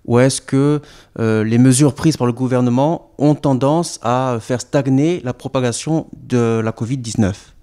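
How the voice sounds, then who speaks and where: Mellow-voiced male interviewer. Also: medium pitch, unhurried, clean tone. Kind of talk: interview questions.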